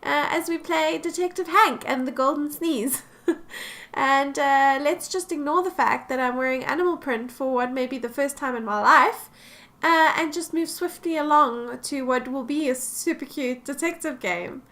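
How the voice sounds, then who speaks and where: A woman's voice: high-pitched, moderate pace, a bit bright. A woman game streamer giving cheeky, giggly let's-play commentary.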